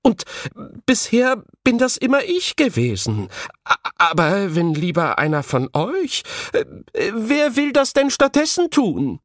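A gentle fairy-tale queen, lost for words, stammers through her questions, as a male audiobook reader plays her. Her voice sits high and swoops up and down. The sound is dry and close. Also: wildly swooping pitch, a little slow, no room sound, full character voice. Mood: confused. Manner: flustered, hesitant with stammers. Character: kind, confused female good queen.

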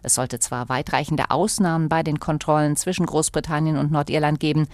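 A woman reporting the news in a clear, matter-of-fact way. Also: sits low, steady tone, brisk, no echo. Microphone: close studio mic.

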